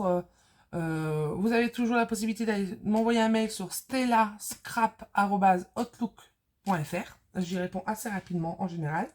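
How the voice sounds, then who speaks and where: A woman talking casually to camera as she shows and prices craft supplies, with lots of fillers and pauses. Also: a little high, darkish tone. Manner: chatty, many fillers, counts items aloud. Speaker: scrapbooking vlogger. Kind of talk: casual haul video talk.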